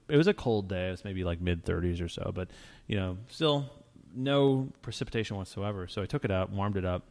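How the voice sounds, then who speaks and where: Gravelly low-voiced man chatting casually. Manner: relaxed, rambling storyteller with many restarts. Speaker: podcast host. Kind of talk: casual car chat.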